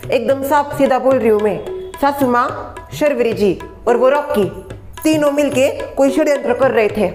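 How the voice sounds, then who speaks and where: A woman's voice: high-pitched, normal speed, darkish tone, close to an everyday voice. A woman playing a defensive, scheming young daughter-in-law in a family comedy skit, talking in a pleading, explaining way. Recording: echoey room, faint background music.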